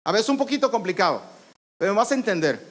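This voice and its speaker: Quick and very animated, a pastor with a high, fairly bright voice preaches in church. He explains scripture, repeats phrases for emphasis and calls out commands with authority.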